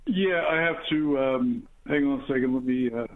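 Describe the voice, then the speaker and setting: A man calling in to a radio talk show through a speakerphone or headset device, sounding hollow and tunnel-like, talking haltingly with fillers. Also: medium pitch. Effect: call through a speakerphone or headset device, hollow tunnel-like phone line. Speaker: radio call-in caller. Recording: tinny phone line.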